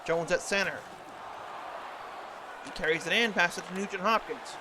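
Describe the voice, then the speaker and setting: A man's voice: high-pitched, moderate pace, crowd noise, noisy background. A man calling hockey play-by-play over a video game in the manner of a TV sports announcer. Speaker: sports commentator.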